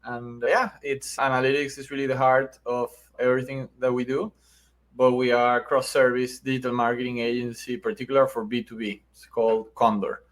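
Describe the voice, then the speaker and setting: His voice sits in the mid-range with little pitch movement, and he talks a little fast. As a middle-aged interview guest with a Venezuelan accent, this marketing agency founder explains things conversationally on a podcast, regularly tossing in "right?".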